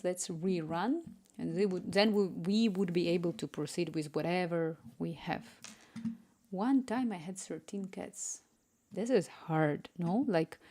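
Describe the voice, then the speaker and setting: This woman speaks on the low side with a dark tone. An app developer live-streaming from a room in her home, she has a Ukrainian accent with some Spanish influence and stays chatty and easily distracted, voicing the chat aloud and murmuring to herself while coding.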